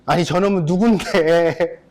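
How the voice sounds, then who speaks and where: A man's voice: a little high, steady tone, unhurried, a little mellow, natural voice. A man voicing an ancient Chinese sage who scolds an oncoming boat and later muses on his own anger. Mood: irritated, scolding. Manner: grumbling, scolding exclamations.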